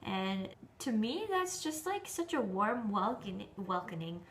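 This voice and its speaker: A woman's voice: mid-range voice, big pitch swings, a little slow, fairly bright tone, a little hiss or hum. A young woman vlogging from her apartment, telling a travel story in a chatty, enthusiastic way. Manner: chatty and enthusiastic, full of "like" and "you know". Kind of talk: casual travel storytelling to camera.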